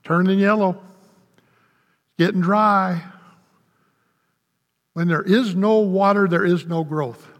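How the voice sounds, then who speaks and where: An older man preaching a sermon as a pastor, folksy and conversational, with quick asides to the congregation. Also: high voice. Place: church sanctuary. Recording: long reverb of a church hall.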